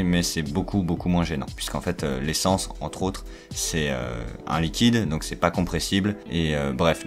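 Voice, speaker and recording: Young guy with a low voice walking through how an engine works, lots of "euh", jokey asides, soft music behind. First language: French. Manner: chatty, many fillers and restarts, self-teasing asides. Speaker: video creator explaining engines. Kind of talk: casual technical explanation.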